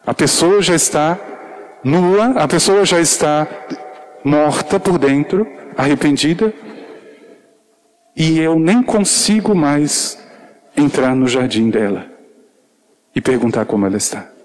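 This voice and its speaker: A man's voice: a little high, slow pace, long pauses. A male preacher giving an earnest sermon, speaking intimately to the congregation with shy, self-deprecating humor.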